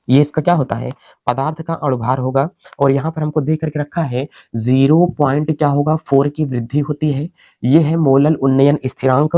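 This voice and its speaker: A man's voice: on the high side, no room sound, highs cut off. A male teacher giving an exam-prep chemistry lecture, explaining step by step and answering his own questions.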